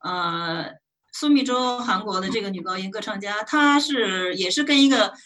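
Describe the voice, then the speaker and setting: Bright-voiced woman explaining music. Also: mid-range voice, normal speed. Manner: hesitant, many fillers and restarts, hums melody snippets. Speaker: music appreciation presenter. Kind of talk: casual spoken music lesson.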